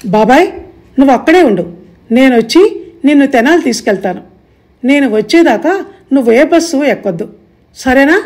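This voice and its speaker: A woman's voice: high-pitched, expressive, normal speed, long pauses, darkish tone, voice pushed up. Woman doing an earnest sixty-year-old man. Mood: urgent.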